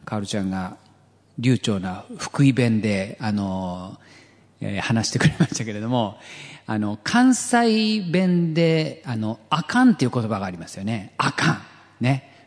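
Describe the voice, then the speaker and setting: A man preaching a sermon as pastor, earnest and gently humorous, often letting phrase ends drop to a whisper. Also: mid-range voice, long reverb tail. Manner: light jokes for the congregation.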